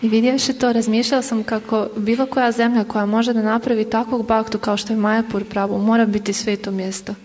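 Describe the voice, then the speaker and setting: A woman, a native Croatian speaker, interpreting a religious talk line by line, pausing now and then to find her words. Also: on the high side, little pitch movement, darkish tone. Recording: echoey reverberant hall, noisy.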